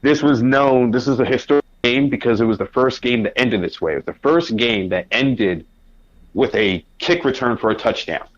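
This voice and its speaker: A man, a podcast guest and sports writer, telling animated anecdotes in a conversational way. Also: mid-range voice, moderate pace, dull audio. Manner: animated anecdotes, acts out his own past reactions. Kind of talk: conversational storytelling.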